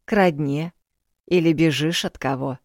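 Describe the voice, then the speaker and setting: Woman doing blunt elderly country landlady, higher and louder, folksy scolding. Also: measured pace, no room sound, studio quality. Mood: chatty. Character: elderly village landlady, blunt, earthy, fussing.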